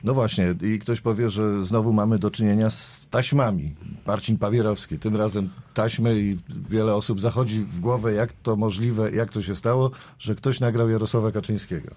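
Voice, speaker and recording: A man's voice: on the low side, fairly even intonation, moderate pace, hardly any pauses, dark tone. A man moderating a political panel discussion, introducing guests and posing questions, often hesitating with fillers. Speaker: talk show moderator.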